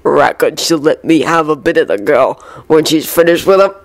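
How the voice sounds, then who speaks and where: A woman's voice: sits low, slow. A woman doing a crooning werewolf man. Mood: leering. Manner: crooning, leering.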